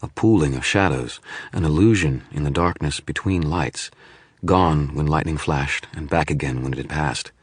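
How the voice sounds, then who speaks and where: A man narrating an audiobook in the first person, in steady, measured storytelling. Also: rumbling low, husky, no room sound.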